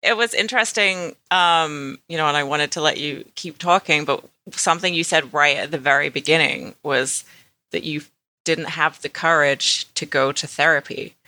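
Bright, crisp podcast co-host, dry sound. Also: medium pitch, normal speed, dry recording. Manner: reflective, with frequent ums. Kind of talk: casual podcast conversation.

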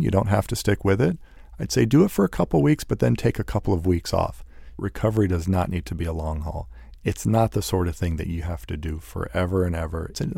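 Male interview guest, expert explaining conversationally, heavy vocal fry, mellow low-leaning voice. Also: no room sound, clean studio sound. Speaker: physical therapist, interview guest.

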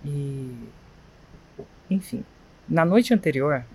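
A man's voice: fairly high pitch, lively intonation, drawn-out words, breathy edge. A man with a Brazilian Portuguese accent hosting a live stream, talking casually and sincerely, wandering between stories. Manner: chatty, digressive, sincere. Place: guesthouse, quiet spot.

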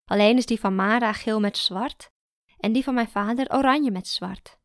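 A woman narrating a first-person story in a calm, even storytelling manner. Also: on the high side, moderate pace, dry recording, studio quality. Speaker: audiobook narrator.

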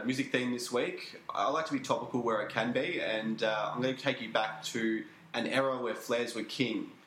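A man's voice: fairly low pitch, fairly bright tone, roomy sound, slight background noise. An Australian man casually hosting a podcast, heard through a tinny computer microphone. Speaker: podcast host.

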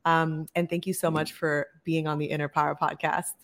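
A woman's voice: low voice, little pitch movement, brisk, fairly bright tone. A woman hosting a podcast interview, upbeat and enthusiastic as she welcomes and questions her guest. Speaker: podcast host.

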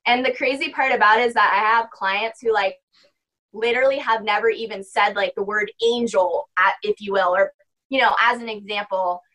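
On a low-quality recording, a young woman with a mid-range, fairly bright voice guests on a podcast as a spiritual practitioner. Her casual interview chat wanders, packed with filler words like "like" and "you know."

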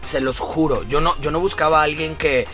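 A man's voice: fairly high pitch, fairly even intonation, fairly quick, music in the background. A teasing, jokey man with a Mexican accent in casual chat.

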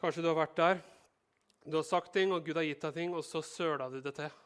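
The sermon comes from a male pastor whose fairly high voice has a clear, resonant tone. His delivery is lively and chatty, with flashes of humor, as if he's speaking one-on-one with each person.

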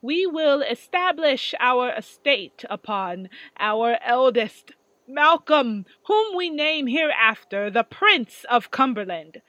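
A woman's voice: high voice, very animated, takes it slowly, pushed and bright, dry recording, dull audio, exaggerated voice. A woman playing a magnanimous king in a Shakespearean drama, with a grand, declamatory manner. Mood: regal, proclaiming. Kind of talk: dramatic Shakespearean verse acting.

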